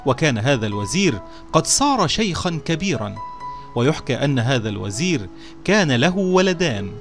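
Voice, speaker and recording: A male storyteller reading a scripted storybook tale. His recitation is measured and expressive, his pitch a touch high and lively in its rise and fall. Faint music plays under the narration.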